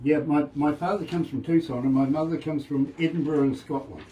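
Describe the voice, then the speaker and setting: Joking older Kiwi radio DJ. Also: male voice, fairly high pitch, steady tone, brisk, mellow, muffled recording, a little hiss or hum. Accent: New Zealand. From New Zealand. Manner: jokey, chuckling, rambling with restarts. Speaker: radio DJ and host. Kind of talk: casual radio interview.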